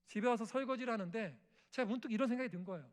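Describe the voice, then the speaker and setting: With a very high voice and rapid-fire delivery, a middle-aged missionary preaches an emotional testimony sermon in a church sanctuary. He acts out prayers and conversations within his family.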